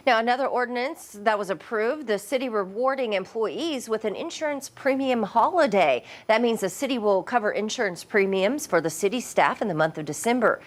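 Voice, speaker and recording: A woman's voice: fairly high pitch, expressive, brisk, hardly any pauses. A woman anchoring a local television newscast, reading scripted stories and handing off to colleagues. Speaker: news anchor.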